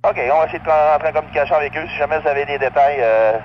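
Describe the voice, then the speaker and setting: A man with a Quebec French accent talking as a fire responder over two-way radio, procedural with pauses. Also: fairly high pitch. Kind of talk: emergency radio talk. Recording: muffled two-way radio, faint noise.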